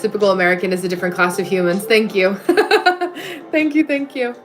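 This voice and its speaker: A livestream host, this woman speaks at a moderate pace in a mid-range voice. She keeps things casual and talkative, responding to comments and pausing to welcome viewers while music plays underneath.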